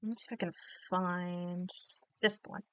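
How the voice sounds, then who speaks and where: A woman's voice: fairly low pitch, little pitch movement, normal speed, clear, resonant tone, dry recording. A young woman chatting casually with her stream while drawing, rambling with plenty of fillers. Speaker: livestream host.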